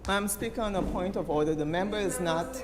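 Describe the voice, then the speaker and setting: A woman's voice: fairly low pitch, fast. A woman with an Anguillan accent insistently and indignantly objecting in parliamentary debate as an opposition leader. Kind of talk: parliamentary point of order. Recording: echoey chamber with background noise.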